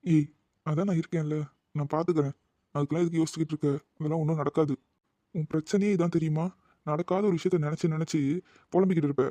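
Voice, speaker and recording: A man's voice: on the high side, steady tone, fast, pauses often, warm tone, no echo, close to an everyday voice. A man voicing a playful young man who teases and reassures his worried sweetheart in a cartoon. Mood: reassuring. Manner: playful, coaxing, teasing. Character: young man teasing his anxious fiancée. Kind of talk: Tamil cartoon dubbing.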